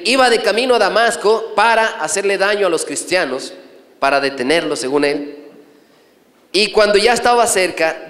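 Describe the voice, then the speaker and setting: Middle-aged priest preaching, questions the crowd; bright high voice, echoey room. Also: male voice. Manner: storytelling, asks the audience questions. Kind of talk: sermon. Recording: echoey hall from a distance.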